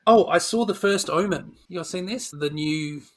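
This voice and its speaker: A middle-aged man with a high voice co-hosts a podcast reviewing films, talking at normal speed. His casual film chat is opinionated, informal and dryly humorous.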